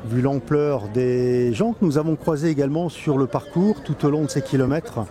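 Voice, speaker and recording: Reporting on the spot from a town street crowd, an event reporter who is also a club president gives halting live commentary, pausing often and repeating himself. His voice is medium-pitched, and crowd and street sounds fill the outdoor recording.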